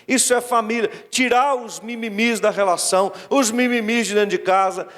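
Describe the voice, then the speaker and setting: A Brazilian man, a pastor giving a lively wedding sermon, exhorting the couple and the congregation and mimicking whiny voices. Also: high-pitched, moderate pace. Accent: Brazilian Portuguese. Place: large church hall. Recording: long reverb of a church hall.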